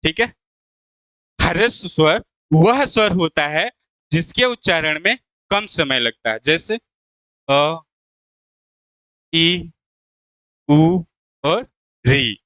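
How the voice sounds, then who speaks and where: Slow, bright-voiced male Hindi teacher. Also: sits high, no echo. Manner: asks a question, then answers it himself; repeats key terms slowly. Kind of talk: exam-prep video lesson.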